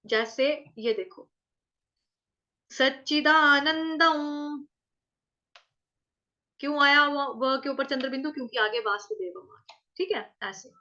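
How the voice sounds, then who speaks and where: A woman teaching Sanskrit verse pronunciation, sounding out syllables slowly and asking and answering her own questions. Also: high-pitched, bright, forceful tone. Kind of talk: pronunciation lesson, slow syllable-by-syllable chanting. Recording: dull lo-fi recording.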